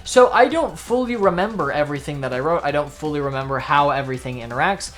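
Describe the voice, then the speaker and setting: A young man hosting his own channel, wrapping up a video in a casual, rambling way and pushing through it quickly. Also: fairly high pitch, fairly bright tone, soft background music. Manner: rambling and quick, admits he talks like an auctioneer. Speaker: channel host. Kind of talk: casual outro to the camera.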